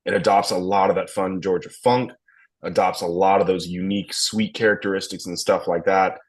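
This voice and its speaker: A man's voice: deep voice, flat delivery, fairly quick. A young man, a distillery blender talking through a tasting in a rambling, enthusiastic way. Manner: rambling, enthusiastic, lots of fillers. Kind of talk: casual tasting talk.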